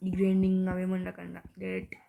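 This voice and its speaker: A woman hosting a gaming channel, giving casual gameplay commentary in soft, mostly whispered speech on a tablet mic. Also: lowish voice, monotone, rapid-fire, creaky, phone-quality sound, slight background noise.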